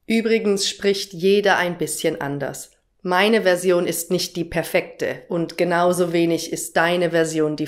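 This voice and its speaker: A young woman teaching German, explaining everyday phrases and their pronunciation with example sentences. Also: lowish voice. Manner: slow, clear explanatory delivery with example phrases.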